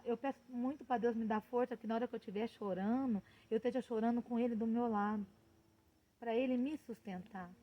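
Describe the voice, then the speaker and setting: A woman's voice: fairly high pitch, poor audio. A woman preaching a sermon as a missionary, impassioned and rising to emphatic peaks.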